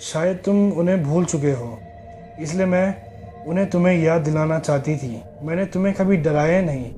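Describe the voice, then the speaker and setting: A sorrowful young ghost woman , voiced by a male storyteller, speaks softly and pleadingly in a spoken horror tale. The voice sits fairly high yet sounds mellow and warm, with faint music underneath. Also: normal speed, lightly acted. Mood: wistful.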